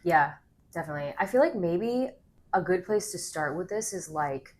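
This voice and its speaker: A woman's voice: lowish voice, lively intonation, moderate pace. A young American woman co-hosting a podcast, talking in a reflective, agreeable way. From United States. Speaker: podcast co-host. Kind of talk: casual chat.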